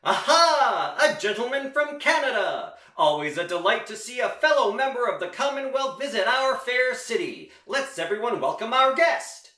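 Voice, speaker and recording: A man's voice: extremely high pitch, very animated, moderate pace, hardly any pauses, bright, forceful tone, exaggerated voice. A man playing a showy music hall memory performer in an audio play, courteous and declamatory as he recites to a crowd. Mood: proud. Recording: roomy, echoing home recording.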